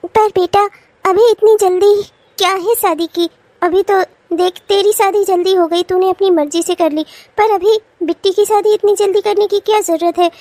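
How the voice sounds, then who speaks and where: A gentle mother in a cartoon, worried and hesitant, as a woman puts her on. The voice is very high and sits close and dry on the mic. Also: fairly even intonation, normal speed, dry recording. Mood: concerned. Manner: hesitant, reasoning. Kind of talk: cartoon voice acting.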